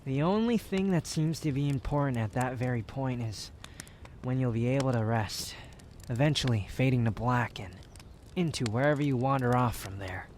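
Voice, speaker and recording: A man's voice: mid-range voice, normal speed, a little mellow, lightly acted. Male actor as aloof young wanderer, prickly, formal, grudgingly tender, romantic audio roleplay, ambient noise behind. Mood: soft, teasing. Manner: haughty, dry, formal wording with reluctant tenderness.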